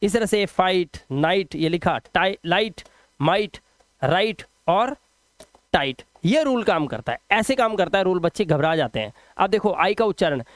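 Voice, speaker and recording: A man patiently covers English phonics rules in a video, saying the example words slowly, repeating them, and testing the viewer. He speaks in a high, expressive voice, captured in a dry recording.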